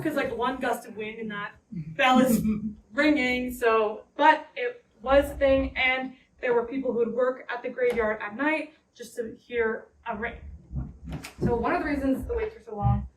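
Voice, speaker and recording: A woman with a fairly high voice leads an informal guided tour, explaining things in a conversational, halting way. She is recorded at some distance in a roomy, echoing indoor space with some noise around her. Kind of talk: informal guided tour narration to a small group. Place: indoors in a house parlor. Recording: roomy echo, distant mic, background noise.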